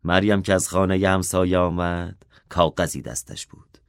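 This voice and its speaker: A man reading a children's story aloud, expressive and dropping softer for the character's inner thoughts. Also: low-pitched, clean tone, dry recording, clean studio sound.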